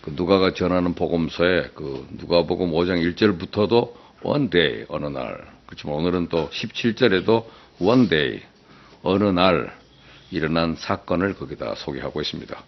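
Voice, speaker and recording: A man's voice: low voice, lively intonation, normal speed, creaky. A male pastor preaching a sermon, telling folksy dialect jokes to make his point. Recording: dull lo-fi recording.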